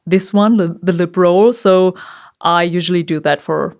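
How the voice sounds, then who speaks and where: A woman's voice: fairly low pitch, a little slow, vocal fry, darkish tone. A woman vocalist talking casually through an instructional lesson, in an informal, chatty way with the odd swear word. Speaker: vocalist giving a screaming tutorial.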